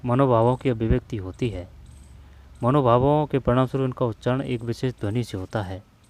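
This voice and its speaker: A man's voice: mid-range voice, darkish tone. A man teaching a Hindi grammar lesson, listing words and repeating them so students memorize them, calling listeners brother. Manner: slow, repeating terms to drill them, addresses students as brother.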